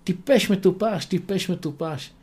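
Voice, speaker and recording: A man's voice: on the high side, lively intonation, a little mellow. Man doing a sly, taunting dove. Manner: taunting, scornful. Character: mocking, sly female dove.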